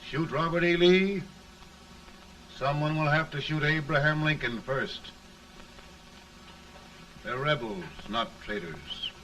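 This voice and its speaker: A man acting a weary, gentle older wartime president in an early talkie film, solemn and folksy in a theatrical way. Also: fairly high pitch, takes it slowly, vocal fry, long pauses, full character voice. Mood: firm, merciful. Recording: distant, noisy early 1930s film soundtrack.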